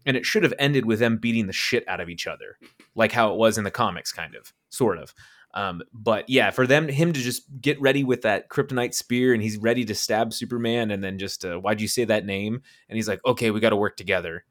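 A man's voice: lowish voice, brisk, a bit bright. A man co-hosting a casual movie podcast, ranting with profanity and incredulous laughter. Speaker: podcast co-host.

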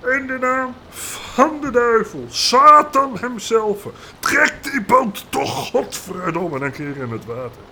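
A man's voice: extremely high pitch, level tone, a little hiss or hum, voice pushed up, full character voice. A man playing a bellowing, roaring boatswain. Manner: roaring, drawn-out shouting. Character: gruff male boatswain, bellowing orders.

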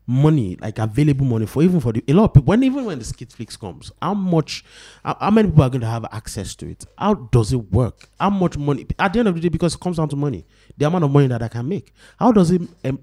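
A man's voice: mid-range voice, mellow. A man with a Nigerian accent hosting a casual talk-show discussion, asking probing questions and thinking aloud. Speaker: host.

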